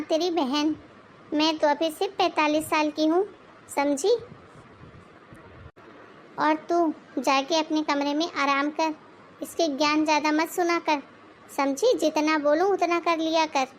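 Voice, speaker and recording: A woman voicing a bossy, sarcastic mother-in-law in her forties in an animated moral story, scolding and mocking. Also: sits high, a little slow, long pauses, slight background noise. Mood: angry.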